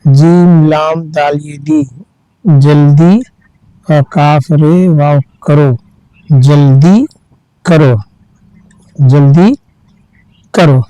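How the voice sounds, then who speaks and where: A man teaching reading, spelling each word out letter by letter and then reading it slowly and patiently. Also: a little high, fairly even intonation, mellow, clean tone, dry recording, muffled recording. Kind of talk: slow letter-by-letter reading lesson.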